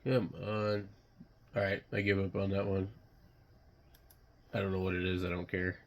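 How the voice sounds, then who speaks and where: A man who is under the weather, giving casual, unscripted commentary while browsing online, muttering in a halting, blunt way. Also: low voice, little pitch movement. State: sick, occasional coughing and throat clearing. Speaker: radio hobbyist vlogger.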